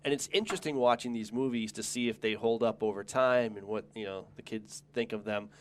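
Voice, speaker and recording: A man's voice: fairly low pitch, fairly quick, a little hiss or hum. A middle-aged man hosting a show with casual, conversational banter. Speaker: show host.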